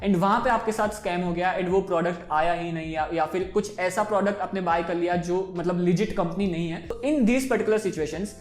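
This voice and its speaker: A man in his twenties with an Indian accent hosts a finance show, explaining things informally and directly to the camera while switching between Hindi and English. His voice sits high, his pace is moderate with few pauses, and the recording has a roomy echo with faint background music.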